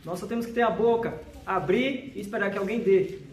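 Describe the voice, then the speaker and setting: A man from Brazil preaching a sermon, emphatic, slowly repeating each verse reference. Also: high voice, a little mellow. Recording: echoey hall with faint noise.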